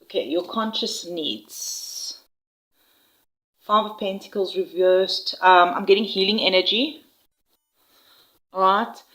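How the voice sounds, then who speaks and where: A woman giving an intuitive tarot reading to viewers, speaking in an unhurried, reassuring way with frequent "all right?" check-ins. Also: mid-range voice, a bit bright, rough recording. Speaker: tarot reader.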